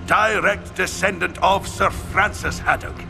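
An actor playing a hot-tempered, blustering sea captain in a video game, gravelly and theatrical, given to bellowed exclamations. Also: male voice, high-pitched, fairly even intonation, a little slow. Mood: proud. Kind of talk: animated video game voice acting. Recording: loud music behind the voice.

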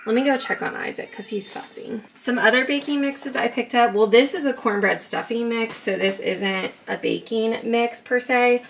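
A young vlogger chats her way through a grocery haul in her home kitchen, upbeat and talkative, slipping into a sing-song baby voice when speaking to her son. Her voice is slightly high and gravelly at a moderate pace with barely any pauses, and the camera-mic recording carries a faint hiss or hum.

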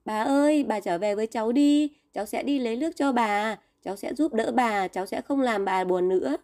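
A woman's voice: on the high side, fairly quick, a little mellow, natural voice. A woman playing a pleading young boy. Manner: pleading, urgent. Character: remorseful young boy, pleading with his grandmother.

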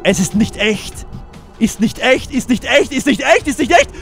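A man reads as a lost man trapped in an endless maze, his diary read out in a high, lively voice that keeps falling back on the same broken, pleading phrases. It is slow, shaken and despairing, a game's dramatic diary reading. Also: vocal fry, faint music behind, full character voice.

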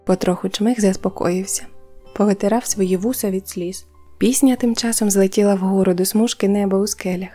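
A woman narrating a children's fairy tale in an even storytelling manner. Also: medium pitch, normal speed. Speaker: audiobook narrator. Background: faint music.

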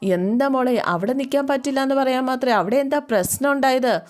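A woman's voice: sits high, a little fast, pitched above the performer's own voice, natural voice. A woman voicing a caring mother who anxiously questions her grown daughter. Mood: worried.

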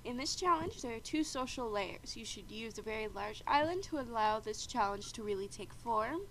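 Steady background noise and poor audio accompany this video game host, a woman still congested from a bad cold. In a somewhat high voice at a moderate pace, she chats through the gameplay, explains the rules, and keeps clearing her throat.

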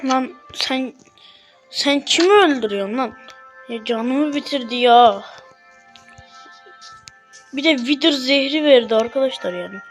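A young woman with a Turkish accent giving casual, chatty commentary over her gameplay, breaking into excitable outbursts. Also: high-pitched, unhurried, long pauses, soft background music. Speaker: gaming video host.

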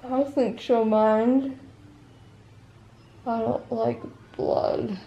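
Sedated young woman, slow groggy drawl. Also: fairly high pitch, steady tone, gravelly, dark tone, lo-fi sound. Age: young adult. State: groggy from sedation after oral surgery. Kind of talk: rambling casual chat. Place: living room at home, on a couch. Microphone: handheld camera a short distance away.

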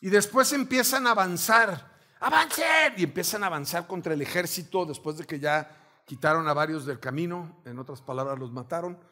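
Preaching in a voice that is on the high side and brisk, a middle-aged man with a Mexican accent delivers a sermon as pastor. His storytelling is animated and energetic, and he acts out commands by shouting them.

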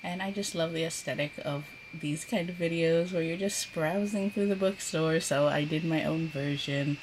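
A woman in her thirties vlogs casually, rambling informally and saying "like" often. Her deep voice moves at a moderate pace with background noise behind it.

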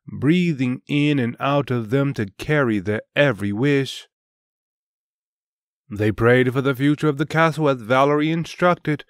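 Man, dark story narrator, unhurried and deliberate, solemn, medium pitch, close dry sound. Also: no echo. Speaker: host and storyteller.

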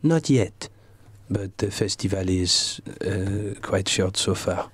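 A man playing an aloof, pompous French gentleman, speaking with a French accent in a deadpan, languid way. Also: low-pitched, slow pace, slightly rough, no room sound, heavily acted. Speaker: comedian guest. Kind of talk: in-character comic interview.

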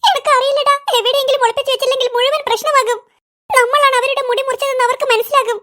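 A voice artist playing a scheming schoolboy in a comic cartoon, nervous and hushed as he plots to hide his mischief. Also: extremely high pitch, fairly even intonation, fast. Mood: worried. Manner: nervous, whispering plotter. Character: scheming schoolboy hiding cut hair.

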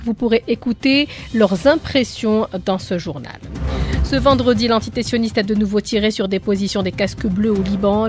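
A woman in her thirties anchoring a radio news bulletin at a studio microphone, reading in a measured, clear way. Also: mid-range voice. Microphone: studio boom mic with headphones.

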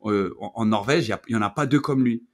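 A man's voice: on the low side, fast. A man who hosts a podcast and once played football, speaking in casual chat with an earnest, sincere tone. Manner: earnest, sincere tribute to a friend. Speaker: podcast host, former footballer.

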